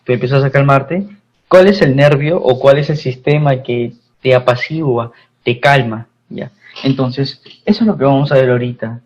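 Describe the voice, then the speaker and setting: A man's voice: medium pitch, normal speed, a little mellow, dull audio. A man with a Peruvian Spanish accent teaching a pharmacy class, repeating his phrases and checking in with students. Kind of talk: online class lecture.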